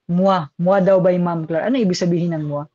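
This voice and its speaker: A man's voice: high voice, steady tone, fast, no echo, highs cut off. Chatty Filipino man lecturing online. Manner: chatty, code-switching, reads out viewer comments. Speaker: board exam reviewer. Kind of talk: live online review lecture.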